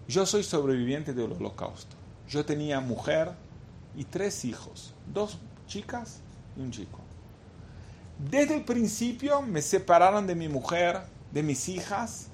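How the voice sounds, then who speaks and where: A man's voice: fairly high pitch, a little mellow, slight background noise. A man voicing a grieving older male survivor who recounts his loss in a heavy, sorrowful way.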